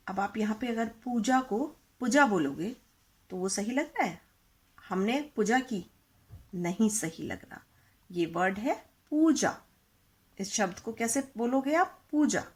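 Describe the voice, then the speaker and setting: Female teacher for young kids, slow and patient, sings up and down through her words, slightly husky. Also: a little high. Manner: patient, asks questions and repeats words for practice. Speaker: Hindi teacher.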